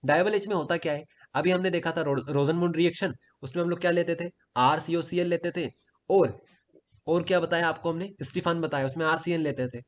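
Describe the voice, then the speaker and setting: A man's voice: fairly high pitch, fairly quick. Chatty Hindi-speaking male chemistry teacher. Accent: Hindi-speaking Madhya Pradesh. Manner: repeats key points, asks and answers own questions. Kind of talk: casual exam-prep lesson.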